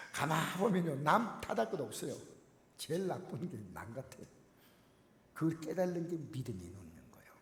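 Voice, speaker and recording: A man preaching a sermon to his congregation, emphatic and direct, swinging between loud exclamations and near-whispers. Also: fairly high pitch. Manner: addresses the congregation directly with repeated questions. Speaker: pastor. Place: church sanctuary. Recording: echoey church hall with long reverb.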